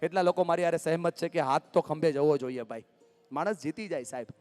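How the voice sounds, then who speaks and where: A man gives a live motivational talk. He is lively and coaxing, joking with the crowd from the stage. His voice rings with long reverb in a large hall. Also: on the high side, fast talker, soft background music. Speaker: motivational speaker.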